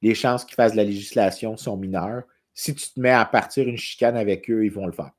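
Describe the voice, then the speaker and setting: Un homme à l'accent québécois, coanimateur de balado et économiste, qui explique l'histoire économique avec entrain dans une discussion décontractée. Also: male voice, on the low side, fairly quick. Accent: Québécois French. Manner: animated explaining, quotes in English. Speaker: podcast co-host, economist. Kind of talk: casual chat.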